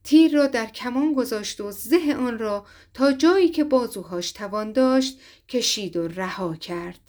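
A woman narrating a story in a steady, even reading voice. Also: a little high.

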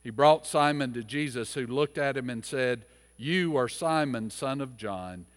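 A man, a pastor, reading scripture aloud and then preaching a sermon, measured in his reading and more animated when he explains the passage. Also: medium pitch. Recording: long reverb of a church hall.

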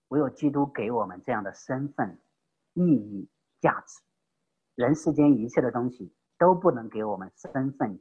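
Impassioned preacher with a husky voice. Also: male voice, lo-fi sound. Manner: impassioned, swinging between loud emphatic peaks and hushed low phrases. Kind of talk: evangelistic sermon.

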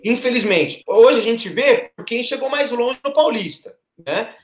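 A man with a fairly high voice argues football opinions with emphatic repetition. His São comes through in a roomy, echoey recording. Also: animated, a little slow. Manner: emphatic, repeats phrases for stress. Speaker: podcast panelist. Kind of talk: casual football debate.

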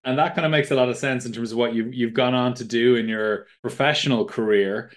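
A man's voice: mid-range voice, fairly even intonation, a little fast. A man hosting a podcast interview, asking conversational questions in a friendly way. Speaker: podcast host.

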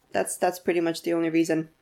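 Chatty lower-voiced woman book podcaster. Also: warm tone. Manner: chatty, laughs often, reads aloud steadily. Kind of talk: casual book chat and blurb reading.

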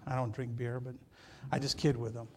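This pastor from Michigan preaches with a medium-pitched, flat delivery, a little fast, over slight background noise. He converses casually with the congregation, jokes with them, and often repeats words when starting a phrase.

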